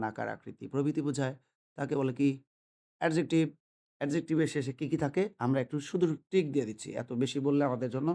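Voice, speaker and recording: A man's voice: mid-range voice, vocal fry, darkish tone. A man teaching an English grammar lesson, listing example words and asking his listeners if they follow. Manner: asks the listeners rhetorical questions and repeats example words. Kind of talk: classroom-style grammar lesson.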